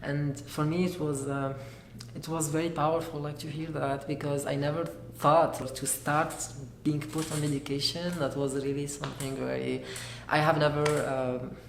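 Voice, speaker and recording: A young man from Algeria, giving an earnest, halting personal testimony as a graduate student. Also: on the high side, level tone, creaky. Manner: earnest, halting, searching for words. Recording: echoey room with faint noise.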